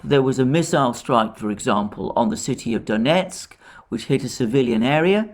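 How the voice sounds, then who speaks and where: A man giving solo political commentary, speaking in a measured, deliberate way, with careful caveats and frequent restatements. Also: mid-range voice, animated.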